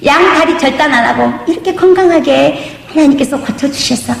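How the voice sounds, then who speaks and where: A woman's voice: high voice, gravelly, a little hiss or hum. A woman pastor preaching a testimony sermon, emphatic and calling out to the congregation, sometimes slipping into a sung lilt. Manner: emphatic preaching, asks the congregation "do you believe?"; drifts into sung intonation. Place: church sanctuary. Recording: echoey hall.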